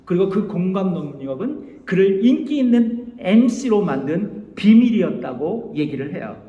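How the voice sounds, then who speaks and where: A male pastor preaching an animated sermon in a church and leading the congregation to repeat phrases. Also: high-pitched, moderate pace, highs cut off. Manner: animated, leads the congregation in call-and-response. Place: church sanctuary. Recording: echoey church hall.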